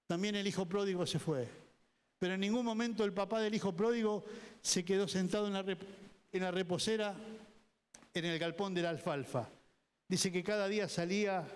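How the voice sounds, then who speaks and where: Emphatic high-voiced Argentine pastor preaching. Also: male voice. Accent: Rioplatense Spanish. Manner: emphatic preaching, repeating words, voicing people in quotes. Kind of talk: sermon. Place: church hall. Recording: church hall reverb.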